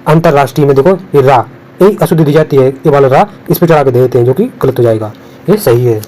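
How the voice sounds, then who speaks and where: In a fast, dark-toned voice of medium pitch, a Hindi tutor drills exam spellings from notes on screen, repeating every word. He keeps warning students what will be counted wrong, and the recording is low quality.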